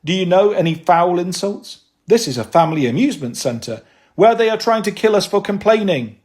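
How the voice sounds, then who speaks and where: Guy doing a snarky kid hero, dry wisecracks, fairly high voice. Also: expressive, brisk, a little mellow. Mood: sarcastic. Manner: dry, sarcastic. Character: sarcastic, wisecracking 12-year-old boy hero.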